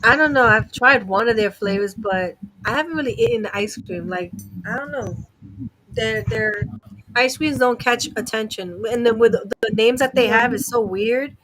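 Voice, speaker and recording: A woman's voice: on the high side, normal speed, fairly bright tone, low-quality recording. A woman in a casual live chat, explaining her views at length.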